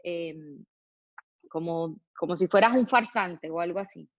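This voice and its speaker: A woman's voice: fairly low pitch, no echo. Hesitant woman, dry dull recording. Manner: hesitant, many fillers and restarts, slow thoughtful phrasing. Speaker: interview guest, public figure. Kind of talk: reflective interview answers.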